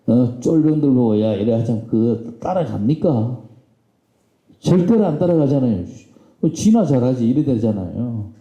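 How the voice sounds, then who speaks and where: A man's voice: mid-range voice, mellow. A man giving a public lecture as a visiting author, telling anecdotes in a folksy way and acting out quoted lines. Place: lecture hall. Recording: roomy hall, dull lo-fi sound.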